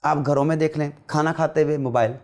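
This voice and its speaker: A man's voice: a little high, steady tone, darkish tone. A man, a guest lecturer explaining earnestly, emphatic and full of rhetorical questions. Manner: emphatic, rhetorical questions, mixes in English words. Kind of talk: earnest explanatory podcast talk.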